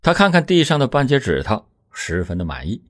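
A man's voice: medium pitch, wildly swooping pitch, a little fast. A man telling a true-crime story in a dramatic, vivid way.

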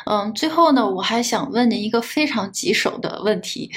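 一位女主持人在访谈中提问，常带“嗯”“呃”之类的语气词，措辞绕着说。. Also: female voice, medium pitch, expressive, moderate pace, a bit bright. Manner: hedging, many fillers as she frames questions. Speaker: interviewer host. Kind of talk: interview questions.

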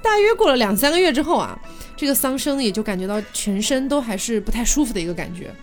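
A woman casually retelling a classic ghost tale as a co-host, chatty and expressive. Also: a little high, fast, soft background music. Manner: chatty, expressive, laughs often. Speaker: storytelling co-host.

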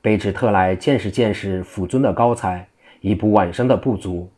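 A man's voice: lowish voice, normal speed, darkish tone, close to an everyday voice. A man voicing a courteous, formal young county magistrate. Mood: polite.

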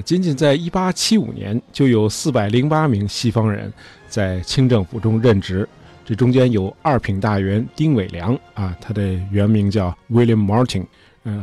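Male history host, mid pitch, slightly husky, relaxed storytelling with frequent fillers. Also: no echo. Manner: chatty, many fillers like "呃" and "哎".

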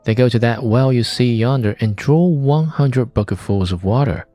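A man's voice: mid-range voice, moderate pace, mellow, faint music behind, natural voice. A man voicing a practical old farmer who talks bluntly and plainly. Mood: businesslike.

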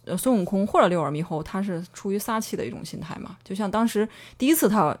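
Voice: mid-range voice, animated, fast talker. A co-host chatting casually, mostly adding short remarks of agreement. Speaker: co-host listener. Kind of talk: casual chat.

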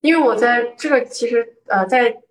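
Telling a personal story as a guest in a relaxed chat, a young Guangzhou woman acts out the quoted exchanges of a quarrel, getting more indignant as she goes. She speaks at a moderate pace in a slightly high voice, recorded from afar; Guangzhou is in southern China.

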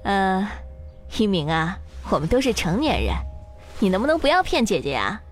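A woman's voice: mid-range voice, huge pitch swings, normal speed. A woman voicing a sadistic female lab examiner who coaxes like a big sister, then shrieks orders, in an audio drama with faint music. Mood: coaxing. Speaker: examiner Teacher Zhou.

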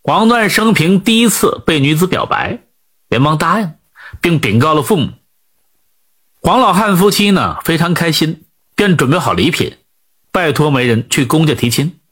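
A man telling a folk tale in an animated, conversational storytelling manner. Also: fairly high pitch, moderate pace, breathy edge.

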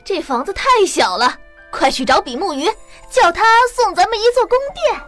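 A woman voicing a greedy, bossy fisherman's wife in a fairy tale, shrill and demanding. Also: very animated, normal speed, fairly bright tone, soft background music, full character voice.

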